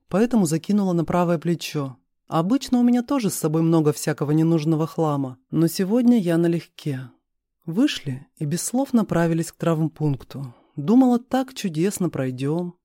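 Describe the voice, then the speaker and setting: Storyteller guy, slightly high but mellow, dry close mic, steady reading. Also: moderate pace, no echo. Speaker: audiobook reader. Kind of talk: reading a first-person novel aloud.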